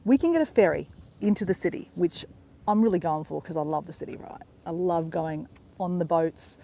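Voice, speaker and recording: A woman's voice: on the low side, vocal fry, warm tone, slight background noise. An Australian woman chatting casually to her viewers on a live walk, calling them guys again and again. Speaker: travel vlogger. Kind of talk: casual live-stream chat. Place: outdoors in a park by a river.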